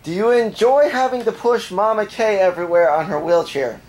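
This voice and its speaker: A man's voice: high-pitched, moderate pace, darkish tone. A man hosting a casual vlog outdoors at a theme park, talking into a handheld camcorder in a chatty, self-mocking way. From Florida. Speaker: vlog host. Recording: noisy outdoor camcorder audio.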